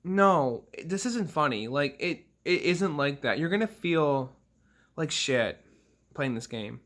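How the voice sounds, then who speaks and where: Worked-up young man with bright voice. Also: fairly high pitch, animated, slow. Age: 20s. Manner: rambling, emotional, swears often, frequent restarts and sighs. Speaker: gaming vlogger. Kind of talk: casual rant to camera.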